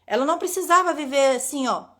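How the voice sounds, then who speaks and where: A woman's voice: sits high, expressive, fast talker, a bit bright. A woman giving a live devotional talk, telling a personal story in an earnest, conversational way. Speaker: preacher. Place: home room, live broadcast.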